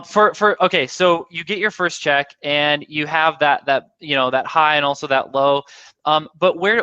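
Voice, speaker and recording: A man's voice: fairly high pitch, pushed and bright, no echo, lo-fi sound. A man hosting a casual video interview, enthusiastic and rambling with lots of fillers. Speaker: interview host.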